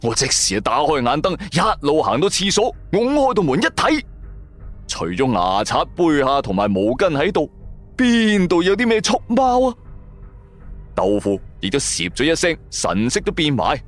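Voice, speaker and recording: Background music plays as a Cantonese-accented male storyteller performs a first-person scripted tale for an audio drama. He speaks at a moderate pace in a rather high voice with huge swings in pitch, keeping the delivery colloquial and dramatic.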